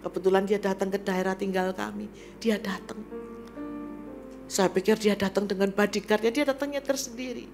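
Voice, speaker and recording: A middle-aged woman evangelist preaching a sermon to a church congregation. She swings from loud exclamations to hushed whispers. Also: medium pitch, steady tone, moderate pace, faint music behind. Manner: often addresses the congregation as "saudara". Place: church service.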